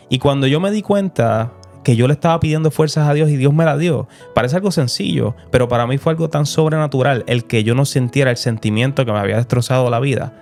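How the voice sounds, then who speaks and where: A man's voice: medium pitch, darkish tone. A young man, a guest, earnestly telling his personal faith testimony with emotional repetitions. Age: young adult.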